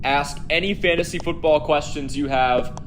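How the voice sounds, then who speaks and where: Playing a game on a relaxed live stream, this man talks with his audience and answers comments, using no headset while sound plays through his device in an echoey room. His fairly high voice is a bit bright, moves at a moderate pace, and sits over slight background noise.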